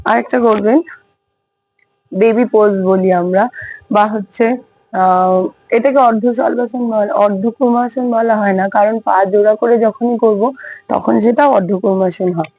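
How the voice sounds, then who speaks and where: A hoarse woman teaching yoga, who counts the repetitions aloud while she demonstrates. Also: mid-range voice, steady tone, moderate pace, a little mellow, no echo, poor audio. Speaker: yoga instructor. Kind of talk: casual yoga class instruction.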